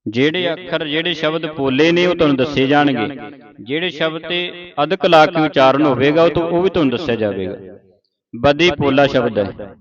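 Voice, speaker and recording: A man teaching scripture pronunciation, slowly sounding out each word and checking that his student understands. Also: on the high side, highs cut off, a crowd in the background. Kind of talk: slow line-by-line recitation lesson.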